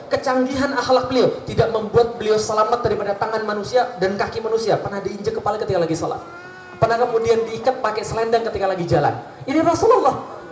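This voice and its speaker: High-voiced male preacher in an echoey hall. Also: a little hiss or hum. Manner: lively, asks the audience questions, acts out dialogues. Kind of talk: Islamic sermon.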